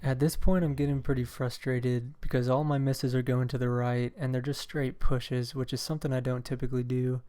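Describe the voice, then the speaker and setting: A young man, a scratch golfer, calmly recapping his own golf shots in a matter-of-fact voice-over. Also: medium pitch, fairly quick, few pauses, smooth.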